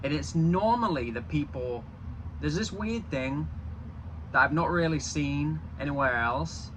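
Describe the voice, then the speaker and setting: This vlogger's voice is a little high and fairly bright, coming a little slow through a low-quality recording with some hiss or hum. He's a young man from Yorkshire, northern England, whose Yorkshire accent carries a slight Canadian twang, and he chats ramblingly, often restarting.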